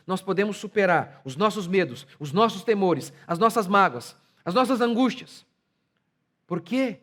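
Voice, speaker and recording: High-voiced emphatic Brazilian pastor. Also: male voice. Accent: Brazilian Portuguese. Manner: emphatic, rhetorical questions, mocking impressions. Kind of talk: sermon.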